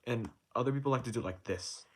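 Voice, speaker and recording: A man's voice: medium pitch, fast, noisy background. A young man casually explaining how to play a rhythm game chart, counting out note timings aloud and swearing in passing as he restarts his sentences. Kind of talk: casual tutorial commentary. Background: rhythm game music.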